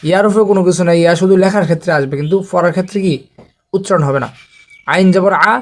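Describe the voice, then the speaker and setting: A man teaching a recitation lesson in a slow, patient way. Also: sits high. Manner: slow, patient, repeats letter drills. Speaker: Quran reading teacher.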